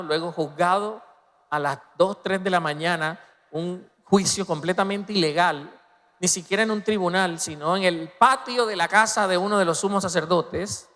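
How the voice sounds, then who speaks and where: A man preaching a sermon as pastor, swinging between loud emphatic peaks and soft, low passages. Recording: long reverb of a large hall.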